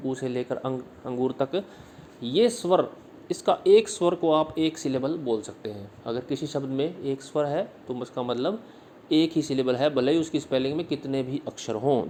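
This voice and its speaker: A male English literature teacher giving a slide-based video lesson, patiently repeating words slowly and explaining each slide line. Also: medium pitch, dark tone, a little hiss or hum.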